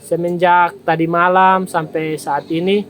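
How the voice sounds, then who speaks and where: A man with an East Nusa Tenggara accent, asking measured interview questions and humming along as he listens. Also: sits high, flat delivery, music in the background. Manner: measured questions with frequent hums. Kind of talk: field interview.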